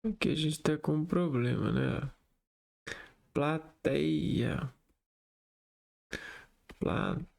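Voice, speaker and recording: A man working through exam exercises aloud, slowly reading out words one by one and thinking aloud. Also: a little high, vocal fry, darkish tone. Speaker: exam tutor.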